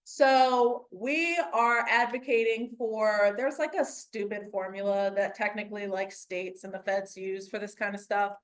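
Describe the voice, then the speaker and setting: A woman's voice: medium pitch, fairly even intonation, unhurried, few pauses. A woman giving a frank, colloquial update at a community meeting.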